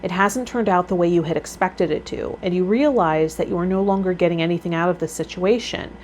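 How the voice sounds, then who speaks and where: Reading tarot card meanings and chiming in with casual remarks, this vlogger and healer speaks briskly in a fairly low, slightly mellow voice. She hosts the series, and the audio has noticeable background noise.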